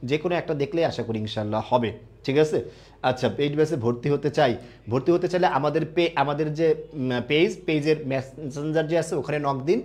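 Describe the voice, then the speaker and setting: A man's voice: on the high side, fairly quick, darkish tone. A young man from Bangladesh, teaching a live online admission class, explaining step by step and often checking whether students follow.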